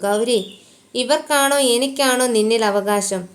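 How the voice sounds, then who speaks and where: A furious, possessive young man barking orders in a storybook romance, as a woman reads him. His words come out forceful and commanding, in a fairly high voice. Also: moderate pace, lightly acted. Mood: angry commanding.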